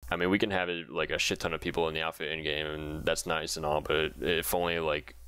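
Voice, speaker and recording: Deep, smooth-voiced man leading a meeting. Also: little pitch movement, fairly quick, fairly bright tone. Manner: rambling explanations with many fillers. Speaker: gaming clan meeting leader. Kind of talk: casual voice-chat meeting.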